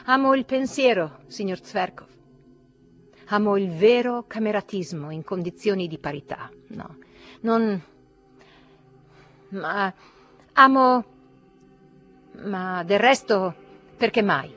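A woman's voice: fairly low pitch, a little slow, vocal fry, soft background music. A woman reading an audiobook, voicing a bitter, feverish young male outcast who declaims shrilly and defiantly. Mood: drunken.

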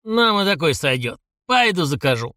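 A man's voice: a little high, very animated, normal speed, sharp tone, no room sound, clean studio sound, voice pushed up. A man voicing a boorish drunken rich man, swaggering and mocking, in an audiobook. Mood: bossy. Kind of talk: audiobook character voice.

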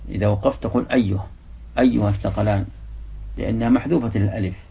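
Gravelly, husky man teaching a religious lesson. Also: fairly low pitch, steady tone. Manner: reads a passage, then explains it slowly and repeats the example words. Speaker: lecturer explaining a classical text. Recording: dull, lo-fi lecture recording.

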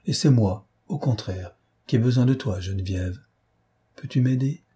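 A man voicing a weary, remorseful gentleman thief in an audiobook, speaking gravely and sorrowfully. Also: mid-range voice, moderate pace. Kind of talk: audiobook character voice.

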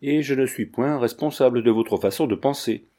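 A man voicing a calm, defiant young peasant who speaks in a steady, unmoved way. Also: medium pitch, moderate pace, close to an everyday voice.

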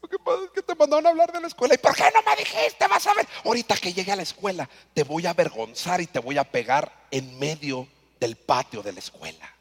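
A man with a Mexican accent voicing an angry father who yells at his son, recorded in a hall with long reverb. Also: lively intonation, moderate pace, hardly any pauses, natural voice. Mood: furious. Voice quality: shrill, yelling. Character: angry shouting middle-aged father.

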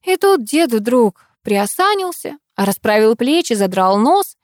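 A woman reading a first-person audiobook in an expressive, lively way. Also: on the high side, a little slow, no echo, studio quality. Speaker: audiobook reader.

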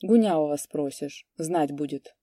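A woman voicing a gruff, spiteful male peasant horse thief who speaks curtly and mockingly. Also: low-pitched, measured pace, dark tone, dry recording, clean studio sound. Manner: husky, curt and mocking.

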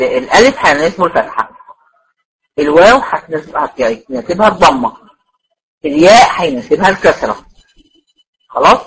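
A woman's voice: mid-range voice, a bit bright, slightly rough, rough recording. An Egyptian woman teaching a tajweed lecture to female students, explaining step by step and often checking that they follow. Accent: Egyptian Arabic. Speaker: Quran recitation teacher.

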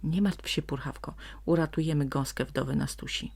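A woman voicing a calm, wily male donkey who speaks steadily and firmly while pretending to threaten. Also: sits low, moderate pace, gravelly, breathy edge, full character voice. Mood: mock-threatening. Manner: steady and firm, feigning menace.

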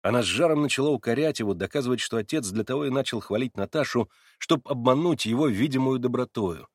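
A man reading a classic novel aloud in measured, even literary narration. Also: mid-range voice, dry recording, clean studio sound. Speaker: audiobook reader.

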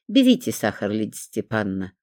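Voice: medium pitch, huge pitch swings, fairly quick, a little mellow, no room sound, pitched below the performer's own voice. Reader playing a middle-aged duty nurse, matter-of-fact, confiding, dry close sound. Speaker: hospital nurse. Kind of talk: audiobook character reading.

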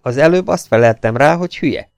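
A man reading aloud, voicing a stocky, hot-tempered older sailor who bursts out in rough, indignant shouts. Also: on the high side, expressive, no echo, faint music behind, pitched above the performer's own voice. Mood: angry.

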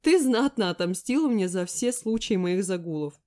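A woman reading an audiobook, voicing a sharp-tongued young woman friend who scolds and mocks loudly. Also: medium pitch, lively intonation, moderate pace, lightly acted. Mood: mocking. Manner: loud, scolding, sarcastic. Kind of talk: audiobook character voice.

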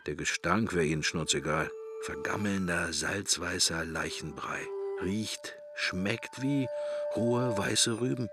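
In a German radio drama, an actor with a low voice plays a pensive middle-aged man delivering an interior monologue slowly over background music. His brooding, morbid musings come out wryly, in short, broken fragments.

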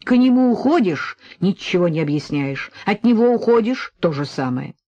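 A woman's voice: mid-range voice, expressive, measured pace, darkish tone. A woman reading an audiobook voicing a fussing, exasperated middle-aged mother who scolds and frets. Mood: scolding. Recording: dull lo-fi recording.

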